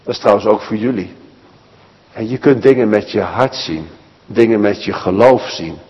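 A man preaching a children's sermon, telling a Bible story in a lively way and speaking directly to the children. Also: lowish voice, moderate pace, slightly rough, big-room sound, lo-fi sound.

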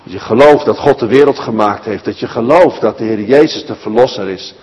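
A man preaching a children's sermon, telling a Bible story in a lively way and speaking directly to the children. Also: mid-range voice, fairly quick, breathy edge, big-room sound, dull audio.

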